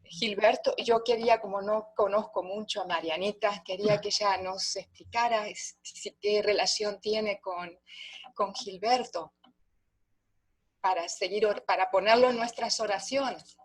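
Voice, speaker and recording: A woman in a prayer group on a video call speaks with a husky, slightly rough voice. She is soft and encouraging, and she agrees readily with the others. Her pitch is ordinary for a woman. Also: steady tone, unhurried, low-quality recording. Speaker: Bible study participant.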